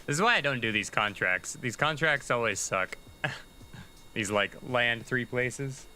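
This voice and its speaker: A man with a very bright, sharp-edged voice talks his way through a game on a livestream, chatty and thinking aloud. He mutters little asides to himself as he plays. A faint hum sits under his voice. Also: medium pitch, lively intonation, a little slow, poor audio. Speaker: livestreaming gamer. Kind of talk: casual gameplay commentary.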